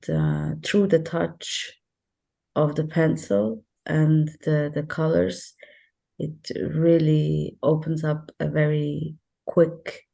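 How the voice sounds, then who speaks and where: Guest woman, low and mellow, slow and hesitant with fillers, on a video call. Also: vocal fry. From Portugal. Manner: thoughtful, hesitant, with many fillers. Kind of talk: casual interview talk.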